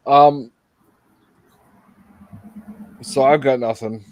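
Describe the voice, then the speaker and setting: A man hosting a casual live stream chat, cracking dry, deadpan jokes. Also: medium pitch, a little slow, dry recording.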